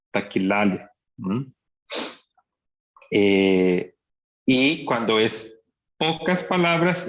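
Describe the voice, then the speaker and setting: A male psychiatry lecturer speaks at a very unhurried pace, laying out each point with rhetorical questions. His voice sits at an ordinary pitch for a man. The recording sounds dull and lo-fi. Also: fairly bright tone. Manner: slow, deliberate explaining with rhetorical questions; acts out patients' speech.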